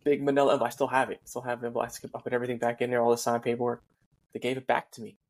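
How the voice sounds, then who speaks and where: A man's voice: mid-range voice, level tone, racing. A man hosting a podcast, trading a laid-back story of his own start as a firefighter. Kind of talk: casual conversation.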